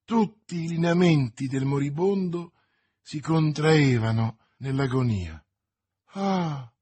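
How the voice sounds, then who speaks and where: Husky, slow-reading male narrator. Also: on the high side, darkish tone. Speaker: audiobook narrator. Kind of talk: reading a classic novel aloud.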